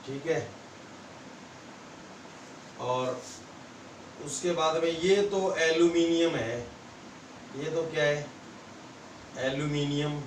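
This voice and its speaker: Male teacher with a Rajasthani Hindi accent and a raised voice, slow and repetitive, recorded from a distance in an echoey classroom. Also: a little high, slight background noise. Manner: slow, repetitive explaining to students. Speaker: science teacher. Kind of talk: classroom lesson. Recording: echoey room, mic far off.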